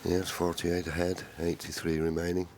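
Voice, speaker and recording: A man giving measured, understated live commentary on a snooker match. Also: sits low, completely flat delivery, darkish tone. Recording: faint live arena noise.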